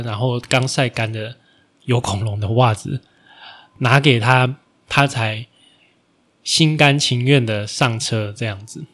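A man's voice: medium pitch, fairly bright tone. A man, a podcast host telling a casual story with lots of fillers and sentence-final particles. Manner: acts out his own stern scolding in a raised voice.

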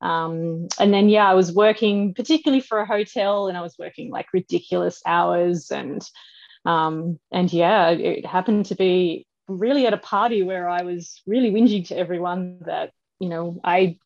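A woman's voice: fairly low pitch, moderate pace, creaky, darkish tone, no echo. A dry, slightly muffled recording of a woman with an Australian accent. She is a podcast guest, telling her story in a loose, informal, rambling style. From Western Australia. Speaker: podcast guest, dental professional. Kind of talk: casual interview storytelling.

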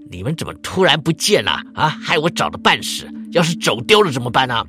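Man putting on a loud bossy boy, kid ringleader, raised pitch, storybook voice. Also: sing-song, a little fast, soft background music. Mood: brash. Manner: loud and brash.

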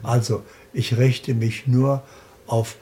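A man being interviewed, calmly and slowly laying out his spiritual practice point by point. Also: medium pitch, a little hiss or hum. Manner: slow, deliberate, explaining in lists. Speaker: interview guest. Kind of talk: calm spiritual interview talk.

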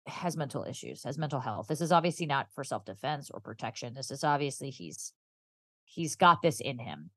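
A woman's voice: extremely low pitch, big pitch swings, moderate pace, bright, forceful tone, husky, no echo, clean studio sound. A woman co-hosting a true-crime podcast, moving between conversational commentary and storytelling read from notes.

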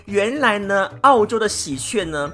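Chatty woman podcaster, lively pitch. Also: soft background music. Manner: chatty, many drawn-out filler particles, addresses listeners directly. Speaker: podcast host. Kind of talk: solo podcast chat.

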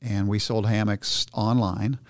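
A man's voice: on the low side, unhurried, dry recording. A man telling a story in casual conversation, animatedly acting out the people he quotes. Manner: animated, acts out quoted voices. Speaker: guest entrepreneur.

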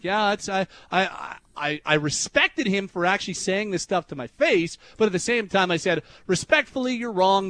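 A young adult man hosting a radio show, telling a story in an animated way that turns loud and high when he retells his anger. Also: no room sound. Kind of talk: casual storytelling on talk radio. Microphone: studio microphone.

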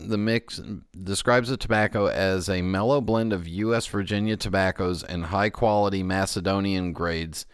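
A middle-aged American man with a fairly low, smooth voice hosts a casual podcast. He rambles easily and drops in dry, joking asides. The sound is close and dry. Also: a bit bright, no echo. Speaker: podcast host. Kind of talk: casual radio-show talk.

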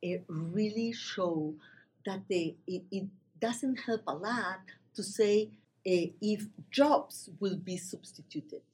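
A native Spanish-speaking woman with a Latin American accent discusses ideas in halting non-native English with a husky voice, searching for words. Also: medium pitch, darkish tone, a little hiss or hum. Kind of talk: spoken discussion.

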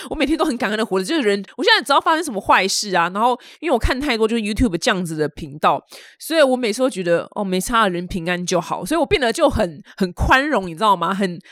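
A woman's voice: mid-range voice, no room sound, studio quality. A woman from Taiwan, hosting a casual news commentary in a chatty, opinionated way.

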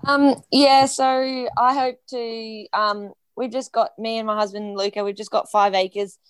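A woman's voice: on the high side, level tone, a little slow, clean tone, no room sound. A woman guest chatting hesitantly with many fillers. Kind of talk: casual chat.

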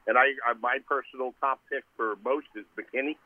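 A man's voice: medium pitch, steady tone, a little fast, no room sound. A man calling in to a radio show over a clipped phone line, rambling and thinking aloud as he talks. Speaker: caller to a sports radio show. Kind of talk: casual call-in chat.

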